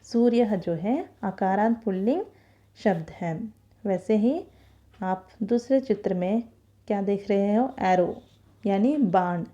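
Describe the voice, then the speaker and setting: Slow, patient woman teacher explaining. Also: medium pitch, mellow, highs cut off. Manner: patient, explains slowly with repetition, mixes in English words. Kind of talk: classroom lesson explanation.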